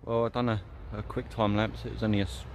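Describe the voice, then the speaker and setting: A man's voice: lowish voice, level tone, fast, a little hiss or hum. Hesitant man filming outdoors. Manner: hesitant, many ums and restarts. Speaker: wildlife photography vlogger. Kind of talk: casual outdoor video diary. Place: outdoors by water in nature.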